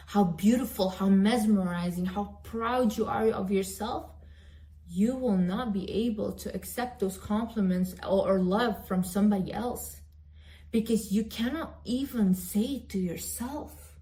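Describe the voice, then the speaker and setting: Speaking in an unhurried, mellow, medium-pitched voice, this young motivational vlogger delivers a forceful pep talk directly to the camera. She hammers points home by repeating phrases and talks about herself in the third person.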